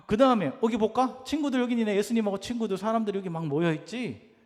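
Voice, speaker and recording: Man for a children's sermon: high, soft, coaxing questions to a little one, reverberant hall. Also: brisk. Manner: gentle, coaxing, asks a small child many questions. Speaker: preacher for children. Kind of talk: children's sermon with picture storytelling.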